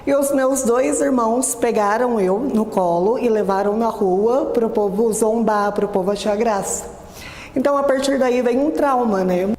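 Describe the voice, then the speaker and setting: A woman in her twenties with a Brazilian accent, calmly telling her personal story. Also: fairly high pitch, unhurried. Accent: Brazilian Portuguese. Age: 20s. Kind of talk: personal testimony. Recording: echoey room with long reverb.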